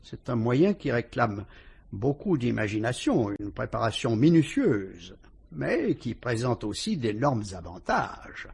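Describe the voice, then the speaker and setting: With a French accent, a male actor portrays a calm, astute police inspector who questions a suspect politely and ironically in a vintage radio drama. The mid-range voice is creaky, husky and exaggerated, and his manner stays measured and probing.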